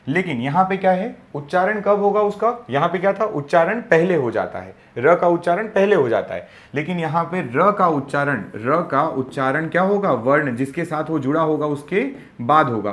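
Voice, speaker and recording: A young man with a slightly high voice teaches a Hindi grammar class for an exam. He keeps asking rhetorical questions and answering them himself, and he repeats key words slowly so they sink in.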